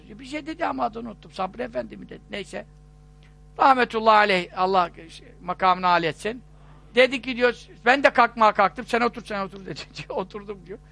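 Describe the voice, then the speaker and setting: High, bright-voiced preacher. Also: male voice, gravelly. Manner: animated storyteller, voices quoted people, chuckles. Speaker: religious preacher. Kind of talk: sermon-style storytelling talk.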